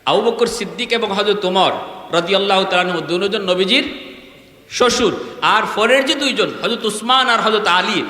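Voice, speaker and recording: A man preaching a waz sermon, dropping to low storytelling and rising into high, sung exclamations. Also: normal speed, bright, forceful tone. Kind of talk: chanted Bengali waz sermon. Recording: echoey hall with long reverb.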